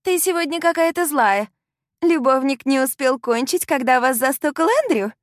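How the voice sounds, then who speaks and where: A woman voicing a spiteful young female coworker, shrill and mocking in a sing-song tone. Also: moderate pace, no room sound, clean studio sound, natural voice.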